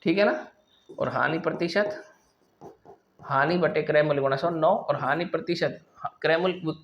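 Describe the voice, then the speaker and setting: Maths teacher guy, slightly high voice, walks through every step and keeps checking in, bit of background hiss. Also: normal speed, dull audio. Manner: explains step by step, often checking with "ठीक है". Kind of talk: classroom maths lesson.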